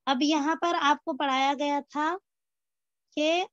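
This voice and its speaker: A woman with a high voice teaches a reading lesson at a slow, measured pace. She works patiently through lists of example words and poses questions she answers herself. The sound is dull and lo-fi with no room echo. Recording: dull, dry lo-fi recording.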